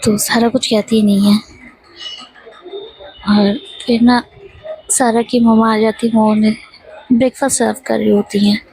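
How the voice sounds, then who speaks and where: A woman casually retelling a love story in a chatty way, with fillers and quick self-corrections of names, sometimes dropping to a hushed near-whisper. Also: on the high side, flat delivery, slightly rough, no echo, poor audio.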